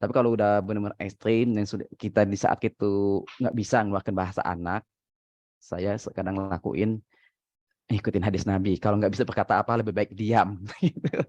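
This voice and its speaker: A man's voice: on the low side, steady tone, a little fast, a little mellow, dry recording. A man, a father, casually giving parenting advice in a chatty way, laughing often and using many fillers. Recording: dry, dull lo-fi sound.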